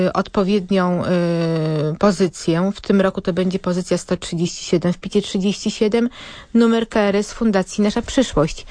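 A woman answering callers as a director on a radio phone-in, explaining things politely and haltingly. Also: medium pitch, darkish tone, dry recording. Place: dry radio studio.

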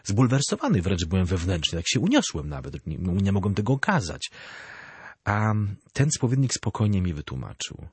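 Husky, animated priest teaching faith. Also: male voice, sits low, moderate pace, no echo. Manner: animated storyteller; addresses listeners directly. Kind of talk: catechism talk.

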